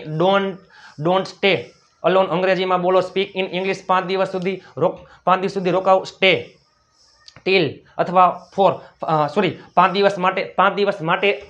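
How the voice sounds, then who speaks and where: High-voiced man teaching English. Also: level tone, a little slow, fairly bright tone, lo-fi sound. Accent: Gujarati. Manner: drills phrases, repeats each one. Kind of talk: spoken English lesson in Gujarati.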